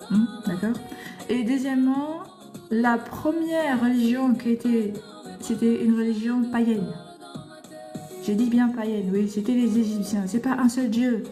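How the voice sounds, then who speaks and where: Woman streamer, fervent preacher, mellow high voice, faint music behind. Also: reverberant. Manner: fervent, scolding and rhetorical questions. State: tearful. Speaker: livestream host. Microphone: phone.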